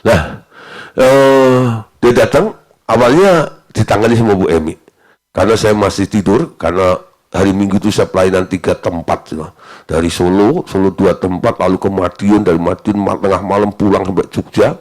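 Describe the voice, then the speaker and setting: A middle-aged Indonesian male pastor preaching with lively storytelling, often mimicking the voices of people in his anecdotes. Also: low voice, normal speed. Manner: animated, mimics voices in anecdotes, frequent "ya" and "nah". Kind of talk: sermon with storytelling.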